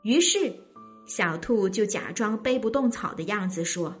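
Expressive woman reading a children's story. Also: medium pitch, unhurried, faint music behind. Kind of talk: storybook narration.

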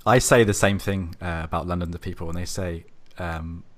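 Deep-voiced man hosting an interview. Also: steady tone, moderate pace. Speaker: host. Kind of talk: casual interview talk.

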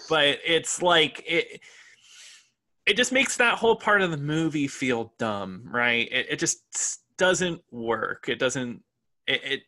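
A man co-hosting a casual movie review podcast, stumbling over restarts and reacting with quick laughs. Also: fairly high pitch, animated, bright, forceful tone. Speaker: podcast co-host.

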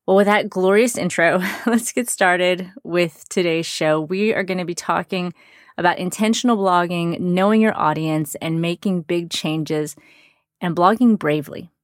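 Female podcast host, lowish pitch, dry sound, chatty, effusive, self-deprecating. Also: measured pace, dry recording. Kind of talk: upbeat conversational podcast introduction and interview.

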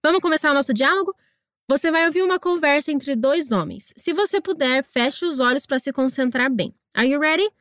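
A woman with a high, bright-pitched voice runs a scripted English lesson. She is encouraging and stretches words out slowly for pronunciation drills. Close, dry studio sound. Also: lively intonation, no echo. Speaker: English teacher and podcast host. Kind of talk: scripted language lesson narration.

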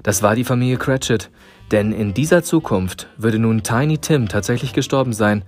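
A man reading a storybook aloud to listeners in a calm, measured way. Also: lowish voice, soft background music. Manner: calm, measured narration with dramatic pauses.

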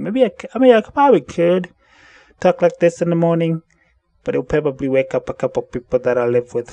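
Rambling man with a gravelly voice. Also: mid-range voice, dark tone, no room sound. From central United States. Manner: rambling, self-correcting, thinking aloud. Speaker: podcast host. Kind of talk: casual solo monologue. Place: at home in the evening.

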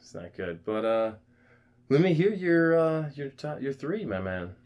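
A man's voice: a little high, very animated, a little slow, darkish tone. A young man telling a rowdy party story on a podcast, profane and rambling, with lots of "like" and "man.". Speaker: podcast co-host. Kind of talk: casual storytelling chat.

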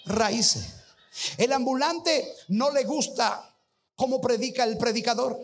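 A man with a Rioplatense accent, preaching a sermon as pastor with emphatic call-and-response and some shouted phrases. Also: extremely high pitch, takes it slowly. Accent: Rioplatense Spanish.

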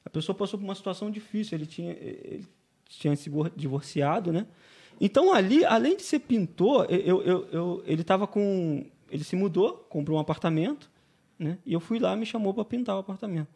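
A Brazilian-accented man with a notably high voice, talking as a podcast guest. His voice has a gravelly, fried edge. He chats and tells stories freely, and he keeps checking in with the listener. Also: animated, brisk, mellow. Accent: Brazilian Portuguese. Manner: chatty storyteller, constantly adding "né?". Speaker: guest, painting business owner. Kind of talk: casual podcast interview.

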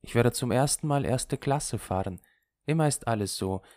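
A male reader voicing a restless, tearful young woman in an audiobook, raising his voice and pitch for her. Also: normal speed, mellow, no room sound, clean studio sound, lightly acted. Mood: weary. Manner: raised, emotional voice for a female character. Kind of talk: audiobook character voice.

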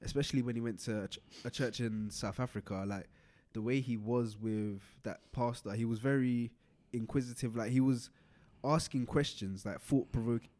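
A man's voice: mid-range voice, fairly even intonation, normal speed, darkish tone. Laid-back man hiccuping. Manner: laid-back, explains at length. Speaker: podcast co-host. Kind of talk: casual chat.

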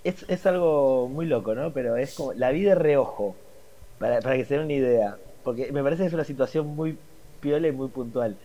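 An Argentine man in his thirties with a raspy, smoker-like morning voice, chatting casually as a podcast panelist. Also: mid-range voice, brisk, dark tone, highs cut off. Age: 30s. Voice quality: raspy, boozy-sounding morning voice. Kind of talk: casual film chat.

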